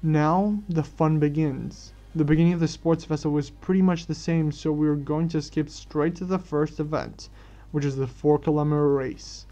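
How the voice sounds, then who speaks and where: Male fan-story reader, casual and halting with self-corrections; mellow, slightly high voice. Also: steady tone. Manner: stumbling restarts and self-corrections. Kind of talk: reading a fan story aloud. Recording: dull lo-fi recording.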